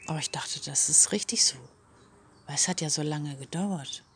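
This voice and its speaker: A woman speaking in a personal, reflective monologue, often dropping into a soft half-whisper and talking straight to the listener. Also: deep voice, moderate pace, slight background noise. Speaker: self-help speaker.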